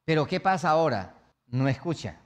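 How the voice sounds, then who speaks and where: A man's voice: fairly high pitch, sing-song, normal speed. A male pastor preaching a sermon with emphasis, firing rhetorical questions and acting out the scene.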